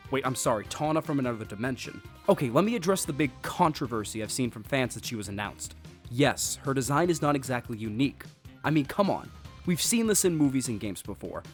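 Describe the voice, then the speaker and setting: A man's voice: mid-range voice, big pitch swings, a little fast. A man narrating a scripted game review with sarcastic, jokey asides, over faint background music.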